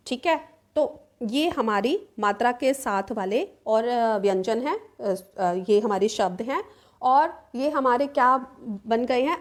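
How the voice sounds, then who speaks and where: Lady teacher with a high voice going through grammar rules, keeps checking in with "okay" and answers her own questions. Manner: repeats 'ठीक है' often, asks questions then answers them. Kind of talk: explanatory classroom lesson.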